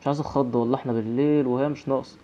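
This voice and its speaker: A man's voice: medium pitch, fairly even intonation, racing, dark tone, muffled recording, a little hiss or hum. A young man with an Egyptian Arabic accent giving horror game commentary, jumpy and nervously rambling. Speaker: gaming channel host.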